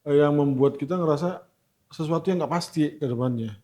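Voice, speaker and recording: Host guy, warm mellow voice, lots of yeah yeah and uh while he asks stuff. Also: on the high side. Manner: agreeable, many affirmations and filler pauses. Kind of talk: casual podcast chat.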